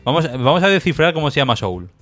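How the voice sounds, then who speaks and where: A man hosts a casual film chat in a fairly high, bright voice. He jokes and laughs often as he banters with his co-host. Faint music plays underneath. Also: very animated, quick pace. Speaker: podcast host.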